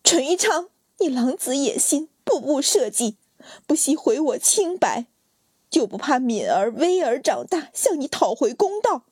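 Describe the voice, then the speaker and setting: A woman voicing a desperate, grief-stricken young noblewoman who is wronged, in a high, strained and tearful voice. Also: moderate pace, warm tone, no room sound, clean studio sound, natural voice. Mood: accusing.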